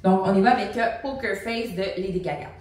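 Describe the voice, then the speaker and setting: A woman, a singing teacher and vocal coach, explaining technique to the viewer in a lively, casual way and demonstrating the sounds herself. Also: medium pitch, fairly quick. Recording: very echoey room, mic at a distance.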